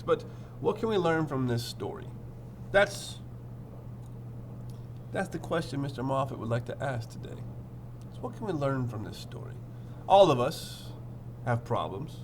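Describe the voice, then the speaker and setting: A man teaches by reading a storybook aloud, playful and theatrical, repeating phrases and chatting with his pupils. His medium-pitched voice carries a little hiss or hum.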